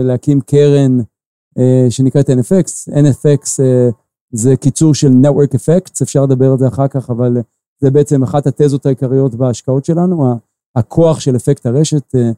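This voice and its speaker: Halting Israeli man, dark smooth voice. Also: medium pitch, no echo. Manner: halting, many filler pauses. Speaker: investor guest. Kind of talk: interview answers.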